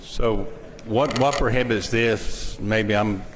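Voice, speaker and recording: Southern guy on the lower side, folksy senator asking questions in a big echoey chamber. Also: fairly even intonation, takes it slowly, a little hiss or hum. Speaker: state senator questioning a bill's sponsor. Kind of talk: informal legislative debate. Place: large legislative chamber. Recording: long echoing hall reverb.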